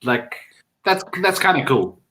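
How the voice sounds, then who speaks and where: A man's voice: on the high side, very animated, a little slow, sharp tone, slight background noise. A man co-hosting a live online quiz, easygoing and upbeat as he talks to viewers. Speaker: guest co-host. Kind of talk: casual live quiz chat.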